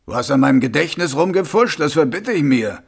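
A man voicing a gruff, blunt, middle-aged watch commander who talks loudly and demandingly. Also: medium pitch, expressive, normal speed, pitched above the performer's own voice.

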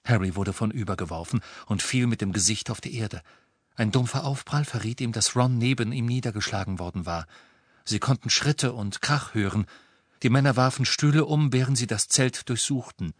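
A male audiobook narrator in a measured, dramatic storytelling voice, recorded close and dry. His pitch sits in an ordinary middle range for a man. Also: no room sound. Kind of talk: scripted narration.

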